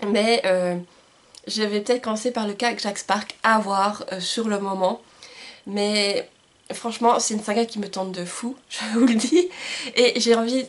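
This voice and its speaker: A woman chatting casually on her book vlog, enthusiastic and full of little hesitations. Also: mid-range voice. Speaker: book vlogger. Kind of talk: casual book haul chat.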